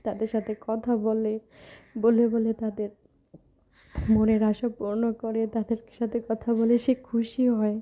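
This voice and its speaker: A woman's voice: a little high, flat delivery, a little slow, dull audio. A tearful woman speaking in a personal vlog, pleading and lamenting in a repetitive way as she cries. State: tearful, crying. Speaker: vlogger addressing her followers. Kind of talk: emotional personal vlog monologue.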